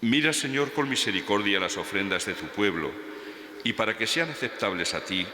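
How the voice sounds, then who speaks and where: A priest, intoning Mass prayers slowly and solemnly, heard with a cathedral echo in a large church. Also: male voice, fairly low pitch, expressive, bright, forceful tone. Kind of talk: liturgical prayer.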